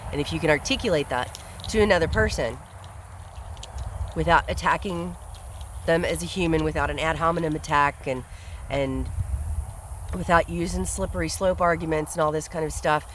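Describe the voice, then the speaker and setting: A man's voice: on the high side, moderate pace, long pauses, a bit bright, slight background noise, low-quality recording. A man hosting a solo podcast, speaking in an earnest, reflective way and often repeating words as he thinks aloud. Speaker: podcast host. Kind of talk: solo commentary monologue.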